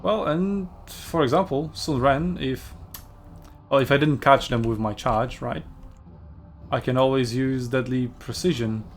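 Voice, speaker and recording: A man's voice: medium pitch, unhurried, a little hiss or hum. Man chatting through gameplay commentary. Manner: rambling, self-correcting, chatty with fillers. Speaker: gaming video host.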